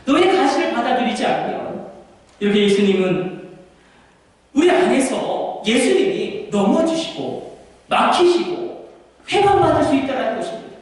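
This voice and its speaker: A male pastor delivers an emphatic sermon, his very high voice rising into dramatic sing-song swells. He is picked up from far off in an echoey church hall with a long reverb tail. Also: very animated, moderate pace, pauses often. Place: church sanctuary.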